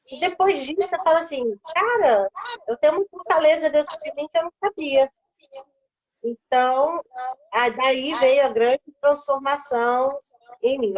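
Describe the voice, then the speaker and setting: A woman's voice: high-pitched, a little mellow, rough recording. A woman with a Brazilian Portuguese accent, a guest on a live stream, telling a personal faith story and acting out the voices she quotes.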